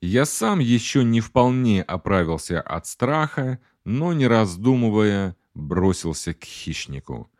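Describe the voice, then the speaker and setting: A man reads an audiobook in the first person, laying out the story in an unhurried, dramatic way. His voice sits on the low side, and the recording is close and dry with no room sound. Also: big pitch swings, darkish tone, no echo. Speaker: audiobook narrator.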